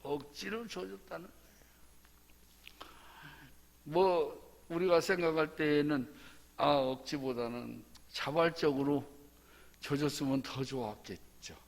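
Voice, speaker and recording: A male pastor preaching a dawn sermon slowly and emphatically, repeating his points and acting out the story. His voice is fairly high and gravelly, and the long reverb of a church sanctuary trails behind it. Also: fairly even intonation. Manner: emphatic, repetitive, dramatic storytelling.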